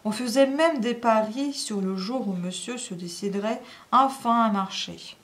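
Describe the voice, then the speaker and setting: Woman reading a novel aloud. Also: fairly high pitch. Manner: measured, first-person literary narration. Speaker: reader.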